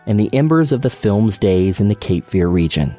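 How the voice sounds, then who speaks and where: A man hosting a podcast, reading a measured scripted narration and then asking a guest friendly questions. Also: lowish voice, lively intonation, mellow, faint music behind. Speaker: podcast host.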